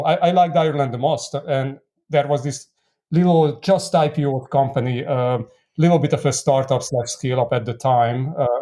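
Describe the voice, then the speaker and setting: Casting: Hungarian-native man, 30s, mellow warm tone, reflective interview guest. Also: medium pitch. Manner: measured, reflective storytelling with frequent fillers. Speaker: startup co-founder guest. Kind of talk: conversational interview.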